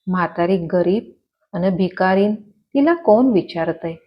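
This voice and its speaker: A woman's voice: on the low side, animated, unhurried. A woman voicing a poor, proud old woman who scolds bitterly, on a dull lo-fi recording.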